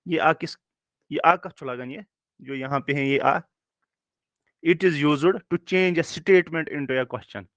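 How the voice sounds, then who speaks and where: A man's voice: a little high, slow, long pauses, no room sound. A male teacher gives a recorded lecture in a slightly raised voice. He explains patiently, repeats key words and keeps checking that the class follows. The recording is dull, dry and lo-fi.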